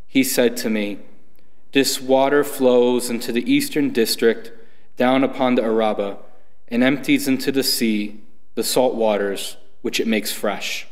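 A man's voice: medium pitch, fairly even intonation, measured pace. Male lay reader in cathedral echo. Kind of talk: reading scripture and responsorial psalm aloud. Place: church sanctuary, standing at lectern. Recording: echoing church with long reverb.

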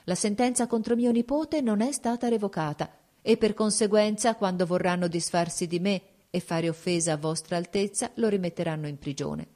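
A woman's voice: mid-range voice, moderate pace, dark tone, close to an everyday voice. A woman reading an audiobook, voicing a shrewd, composed court duchess who speaks frankly and persuasively.

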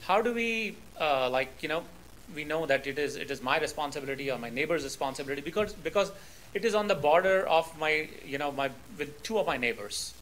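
A man's voice: fairly high pitch, lively intonation, a little fast, fairly bright tone, slight background noise, rough recording. A man in his thirties, a resident speaking at a podium in a council chamber, friendly and rambling with many fillers. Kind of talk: public hearing comment. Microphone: podium microphone.

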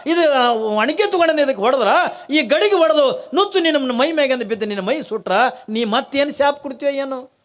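A man voicing a devout, poor village woman with a North Karnataka Kannada accent, pleading in a high, tearful manner. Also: expressive, brisk. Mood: fearful pleading.

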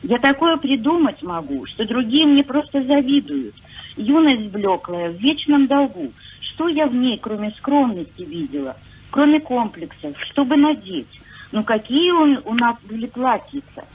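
A woman's voice: high voice, a little slow, breathy edge, phone-quality sound. Woman in her sixties calling in. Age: 60s. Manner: hesitant, then declaims with lively emphasis. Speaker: caller. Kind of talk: radio call-in, reciting a poem.

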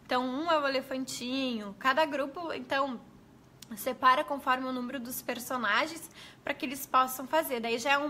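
Woman educator, high and bright, chatty explainer talking straight to teachers. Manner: chatty, explanatory, addresses viewers as gente. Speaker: pedagogue.

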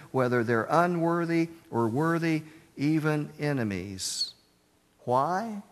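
A man preaching from a church pulpit, unhurried and deliberate. His mid-pitched voice rings out into a sanctuary with long reverb. He tells stories and sinks to a near hush on the solemn lines. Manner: storytelling, dropping to a hush on solemn points. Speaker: pastor. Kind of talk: sermon.

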